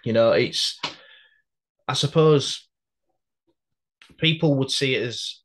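A British man chats informally as a podcast interviewer. His mid-range voice moves haltingly and reflectively, feeling its way through each thought. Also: medium pitch. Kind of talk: casual conversation.

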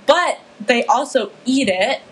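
A teenage Filipino girl with a fairly high, husky voice speaks slowly and expressively. In a casual discussion she comes across as earnest and impassioned, using frequent fillers.

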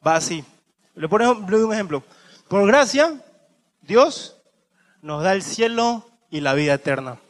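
High-voiced man preaching with animated swings. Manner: animated, acts out the thieves in slangy voices; reads scripture slowly and dropping low. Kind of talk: sermon.

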